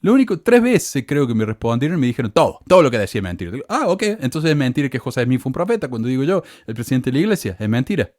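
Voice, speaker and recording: With a darkish tone, big pitch swings, and a racing delivery that barely pauses, a middle-aged man from Córdoba, Argentina, hosts a podcast in Cordoba-accented Spanish. He reads hostile comments aloud, indignant and sarcastic, his rants rising in pitch. The studio recording is clean, with no room sound.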